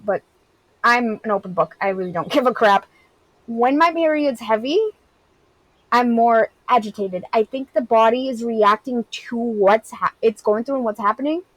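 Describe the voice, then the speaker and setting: A thirty-something woman game streamer rambles candidly while answering her live chat, leaning hard on "like." Her fairly high voice has a fairly bright tone. There's no room sound, though the recording is rough.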